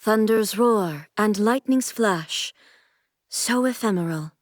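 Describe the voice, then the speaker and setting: An actress playing a regal, aloof immortal shogun in a video game, speaking in a formal, stately, measured way. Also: female voice, medium pitch, no echo, clean studio sound, natural voice. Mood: solemn, commanding. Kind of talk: scripted video game character voice lines.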